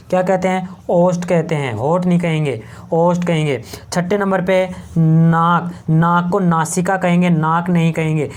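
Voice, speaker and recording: A man from Rajasthan teaching an exam-prep grammar lesson at a board. He asks the class questions, answers them himself, and repeats key terms slowly. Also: high-pitched. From Rajasthan, India. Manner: slow, drawn-out drilling of words.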